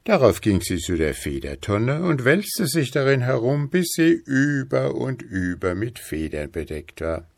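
A man reading a fairy tale aloud in a measured storytelling style. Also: mid-range voice, very animated, vocal fry, no echo, clean studio sound. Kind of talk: scripted storybook narration.

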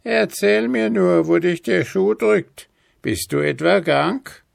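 A man reading aloud and voicing a cunning, bold old woman from a fairy tale with a high, cackling voice and a sly, drawn-out manner. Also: lively intonation, gravelly, no echo, clean studio sound, heavily acted. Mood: coaxing.

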